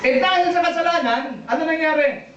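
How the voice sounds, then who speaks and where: A man with a Filipino accent preaching a sermon, animated and asking the congregation questions. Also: extremely high pitch, fairly quick, slight background noise. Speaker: pastor. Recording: echoey church, distant dull mic.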